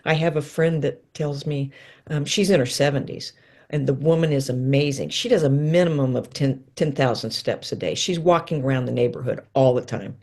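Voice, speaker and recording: A woman in her sixties, a guest in a casual interview, telling stories and acting out quoted lines with big jumps in her voice. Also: normal speed. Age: 60s. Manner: lively storyteller, acts out quotes with pitch leaps.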